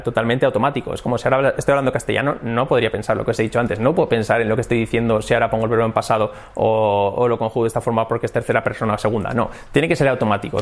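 A man with a Spain Spanish accent gives a casual lesson as an English teacher. His voice sits at an ordinary middle pitch. He talks in an animated way and is used to switching tones to demonstrate phrases.

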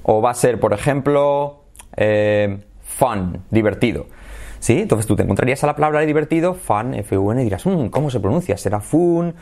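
A man who grew up speaking Spanish leads an English pronunciation video lesson in a mid-range, slightly mellow voice. Modeling each word slowly, he keeps asking "¿vale?" and "¿sí?".

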